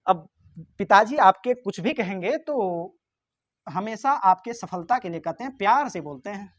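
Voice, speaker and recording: This physics teacher has a high-pitched, expressive voice and speaks a little slowly as he works through exam-prep questions in turn. He pokes fun at and scolds his students, occasionally answering on their behalf by imitating them.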